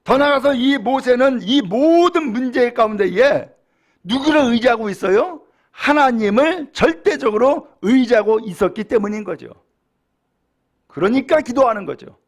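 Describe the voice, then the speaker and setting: Male pastor, sermon, high voice, lively swooping pitch, animated preaching. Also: moderate pace. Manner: animated preaching, acts out quoted speech.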